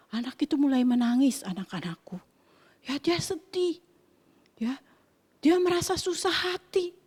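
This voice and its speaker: A woman teaching Sunday school, telling children a story in an animated way and asking them questions. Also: high voice, long reverb tail.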